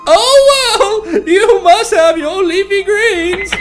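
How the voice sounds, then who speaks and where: A performer putting on a flustered, prim woman's voice in a fluttery falsetto. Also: slow pace. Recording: music bed under voice.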